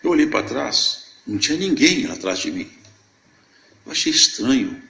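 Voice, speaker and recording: Older man with a gravelly voice giving a testimony. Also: medium pitch, very animated, normal speed, pushed and bright, reverberant, low-quality recording. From Brazil, Minas Gerais. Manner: storytelling that acts out remembered dialogue. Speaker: church member giving testimony. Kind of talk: emotional church testimony.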